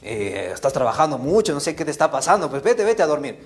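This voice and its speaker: A man's voice: fairly high pitch, sing-song, quick pace, pitched below the performer's own voice. A man playing an old, drowsy priest who grumbles at being woken. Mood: grumbling. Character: sleepy old priest Eli, mildly annoyed.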